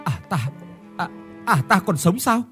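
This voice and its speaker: A man's voice: high voice, a little slow, music in the background, voice pushed up. A man voicing a frightened, guilty young husband who stammers in panic. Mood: panicked.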